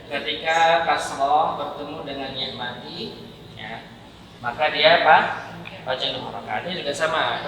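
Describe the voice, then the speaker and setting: A man's voice: on the high side, bright, forceful tone. A man with a Javanese Indonesian accent teaching Quran recitation at a mosque class, patiently drilling syllables aloud by repetition. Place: large mosque hall. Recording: echoey mosque hall with crowd.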